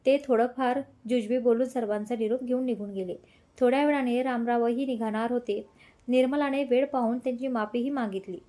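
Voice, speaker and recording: A woman storyteller reading a scripted story at a measured, even pace. Her voice sits fairly high and sounds soft and mellow.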